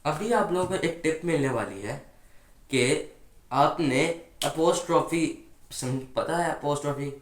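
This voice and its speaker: A man's voice: on the high side, measured pace. Patient male grammar teacher, roomy echo. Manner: patient, asks the class rhetorical questions. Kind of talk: explanatory classroom lesson.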